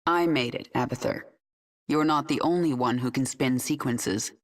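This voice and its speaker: A woman's voice: very deep voice, moderate pace. Queen of Blades, a cold swarm queen. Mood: dry. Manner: cold, commanding, terse. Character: female alien swarm queen, cold and commanding. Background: game score music.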